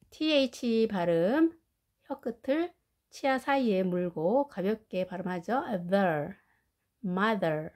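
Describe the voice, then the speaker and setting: A woman with Korean as her first language, teaching English family words and slowly drilling their pronunciation. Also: mid-range voice, a little mellow. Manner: slow, careful pronunciation drills. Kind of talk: vocabulary lesson.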